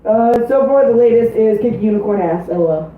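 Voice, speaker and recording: A woman's voice: on the high side, brisk, slight background noise. A woman player telling a tabletop game story in casual, emotional chat, swearing often. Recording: distant echoey tinny lo-fi audio.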